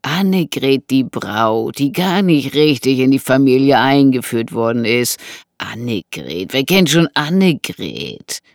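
An audiobook narrator voicing a menacing man with a knife, who taunts slowly and mockingly. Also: mid-range voice, animated, no echo, clean studio sound. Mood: taunting. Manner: slow, taunting, drawn-out delivery.

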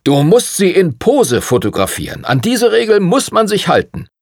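A man's voice: very animated, a little slow, slightly rough, no room sound, clean studio sound, heavily acted. A man voicing an older male prince who is impatient and pompous, lecturing in a stern tone. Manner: stern, lecturing, booming laugh.

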